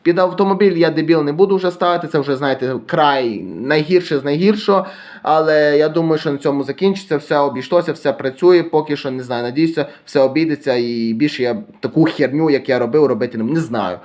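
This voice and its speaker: Young western guy, quick and fairly high-voiced, casually reading out comments. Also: darkish tone. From western Ukraine. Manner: reads viewer comments aloud, chatty, self-deprecating. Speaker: YouTube vlogger.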